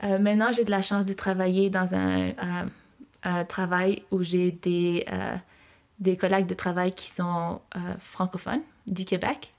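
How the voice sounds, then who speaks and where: A young woman from Mexico reflects in an interview, her voice low-pitched and gravelly with a flat, even delivery. She pauses often and restarts her sentences as she thinks out loud. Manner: hesitant, many fillers and restarts.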